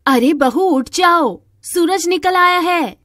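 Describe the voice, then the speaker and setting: A woman voicing a gentle, patient middle-aged mother-in-law. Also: very high voice, slow pace, dry recording, studio quality, voice pushed up, heavily acted. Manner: kind and patient.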